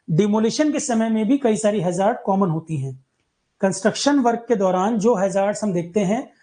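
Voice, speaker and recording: A man's voice: high voice, warm tone. A man teaching an exam-prep lecture in Hindi, explaining points through everyday examples and talking directly to his students.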